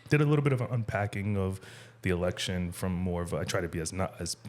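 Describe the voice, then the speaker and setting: Male podcast host with a very deep voice; casual, rambling interviewer. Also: lively intonation, quick pace, darkish tone. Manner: rambling, many fillers and restarts.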